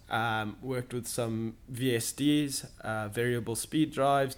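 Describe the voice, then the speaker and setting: A young man from Zimbabwe, answering interview questions in a steady, explanatory way, pausing to find his words, in an office. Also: mid-range voice. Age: young adult. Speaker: guest, solar sales manager. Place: office in London.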